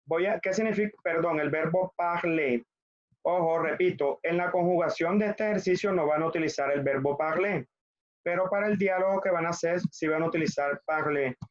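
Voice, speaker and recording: A man's voice: on the high side, fairly quick, dull audio. A man with a Colombian Spanish accent teaching a French class over video, patiently drilling conjugations for students to repeat.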